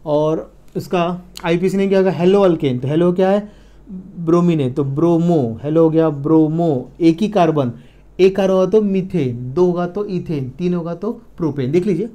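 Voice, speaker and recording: A man teaching chemistry in an exam-prep lecture, repeating key slowly and checking in with his students. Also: fairly high pitch, dark tone. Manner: repeats key words slowly, counts aloud, checks in with the listener.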